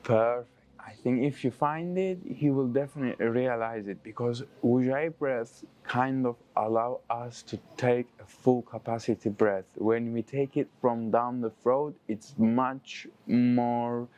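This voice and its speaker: A man with a non-native English accent teaching a yoga breathing lesson, instructive and encouraging, sometimes halting as he searches for words. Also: mid-range voice, fairly even intonation, darkish tone, low-quality recording.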